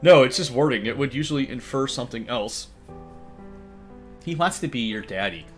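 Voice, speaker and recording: A man streaming a game, reacting with loud, exasperated outbursts between readings. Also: mid-range voice, animated, normal speed, over music. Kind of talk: live game stream commentary.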